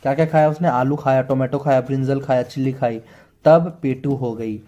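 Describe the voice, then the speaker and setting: A man tutoring biology in Hindi, slowly repeating memory tricks for students. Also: medium pitch, fairly even intonation, dark tone, dull audio. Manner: repetitive, drilling mnemonics slowly. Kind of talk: Hindi teaching with mnemonics.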